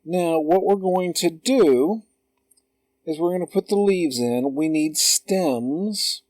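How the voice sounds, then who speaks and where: A man calmly talking through a drawing tutorial step by step, in an unhurried voice-over. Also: a little high, dry recording. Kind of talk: slow screen-recorded tutorial.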